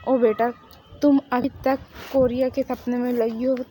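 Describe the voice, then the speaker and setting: A woman's voice: on the high side, level tone, unhurried, dark tone, a little hiss or hum, close to an everyday voice, low-quality recording. A woman voicing a nagging middle-aged mother who coaxes her daughter to marry. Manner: nagging, coaxing.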